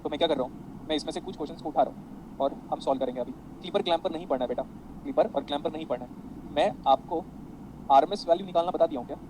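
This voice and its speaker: A man lecturing on electronics to an online class, mixing Hindi and English and calling his students "beta". His voice sits a little high and he talks quickly. Faint traffic noise hums behind him. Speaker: electronics teacher.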